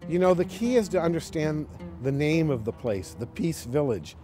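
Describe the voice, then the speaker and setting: A man's voice: on the high side, animated, a little slow, dark tone, soft background music. A man, a local official, speaking in an interview in an assured, explanatory way.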